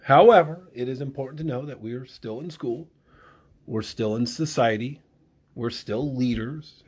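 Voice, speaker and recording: A man's voice: mid-range voice, normal speed, husky. A man hosting school morning announcements in a playful, rambling way with lots of fillers.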